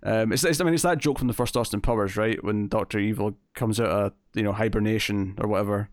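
A man's voice: fairly low pitch, quick pace, no room sound. Chatty Scottish man, dry sound. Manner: chatty, many fillers and repeated starts. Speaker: podcast co-host reviewing an episode. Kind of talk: casual chat.

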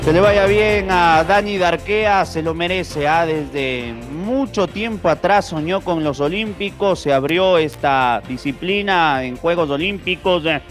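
A man with an Ecuadorian accent hosting sports radio, presenting items and introducing clips. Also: high voice. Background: music.

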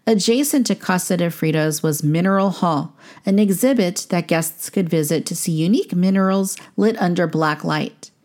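A woman narrates a scripted historical documentary. Her voice sits slightly low, and she reads in measured, complete phrases as a narrator. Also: a little mellow.

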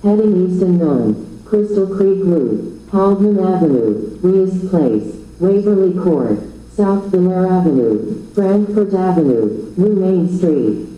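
A high-pitched synthetic male navigation voice plays from a phone speaker held away from the mic, and it sounds echoey in the room. It is slow and even, with a dark, muffled tone. It reads street names and headings one after another. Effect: synthetic navigation voice played from a phone speaker held away from the mic.

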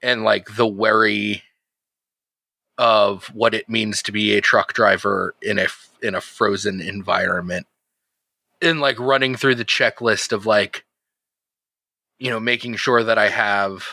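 A man's voice: on the low side, normal speed, bright, forceful tone, dry recording. A man hosting and playing on a horror actual play podcast, speaking in a conversational, articulate way. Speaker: podcast host and player.

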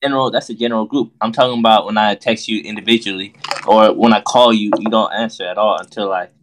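A man's voice: on the low side, steady tone, fast, a bit bright, a little hiss or hum, low-quality recording. A young man in casual group banter, needling his friends in slangy speech.

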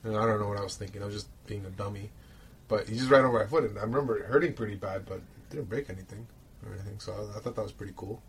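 A man born in Romania who moved to Canada as a child co-hosts a podcast, telling rambling, colloquial personal stories in casual chat. His fairly low, gravelly voice races along over slight background noise.

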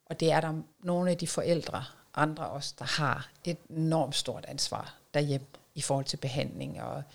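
A woman's voice: low-pitched, fairly even intonation, vocal fry. A woman reflecting on caring for a sick child in a conversational interview, thinking aloud with frequent fillers.

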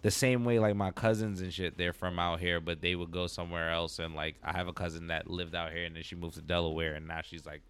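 A man's voice: deep voice, flat delivery, fast, few pauses, fairly bright tone, clear, resonant tone. A man with a New York accent, a guest in a casual podcast chat, rambling through many fillers and restarts.

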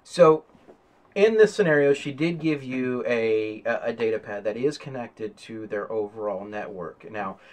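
A man's voice: mid-range voice, unhurried. A male game master narrating a tabletop role-playing scene. His voice sits in an ordinary middle register. He rambles casually, leaning on fillers and restarting sentences.

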